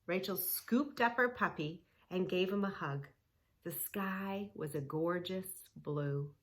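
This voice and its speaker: In a slow, rather low voice, a woman leads young children through a story and a series of yoga poses. Her delivery is simple and encouraging, spoken right to the child.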